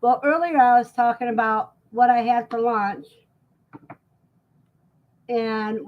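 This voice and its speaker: A woman in her sixties hosting a casual livestream chat, folksy and talkative, reading out viewer comments and answering them. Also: fairly high pitch. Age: 60s. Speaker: livestream host. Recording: dull lo-fi sound.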